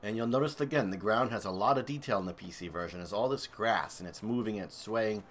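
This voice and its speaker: Speaking fast in a lowish voice, with slight background noise, a man streams a comparison of video games. He keeps up relaxed, excited gameplay chatter, musing aloud as he plays.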